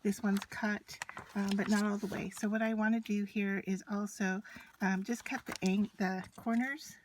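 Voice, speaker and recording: A woman with a mid-pitched voice presents a casual, unscripted craft tutorial. She explains each step as she works with her hands. Noise is audible behind her, with scratching and clicks from the materials she handles. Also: fairly even intonation, normal speed. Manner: instructional, talking through each step while working with her hands.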